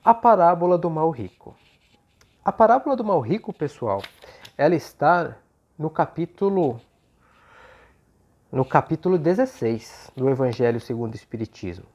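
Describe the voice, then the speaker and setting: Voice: mid-range voice, sing-song, normal speed, pauses often, darkish tone. Brazilian speaker with a flu-worn voice, dull recording. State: recovering from flu, voice slightly off and prone to falter. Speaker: speaker leading a spiritist study talk. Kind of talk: prayer and informal religious talk with scripture reading. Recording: dull, lo-fi sound.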